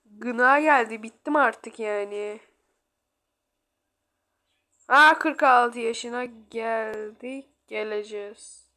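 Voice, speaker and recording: Young woman, gaming host; casual, exasperated, high-ish voice. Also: fairly even intonation, drawn-out words, long pauses, bright, forceful tone. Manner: exasperated, chatty, mock-complaining at the game. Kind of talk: casual game commentary.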